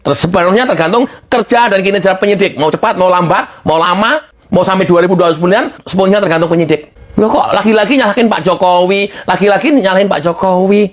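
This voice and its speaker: A woman's voice: medium pitch, fast talker. A woman giving heated political commentary, firing rhetorical questions and laughing mockingly.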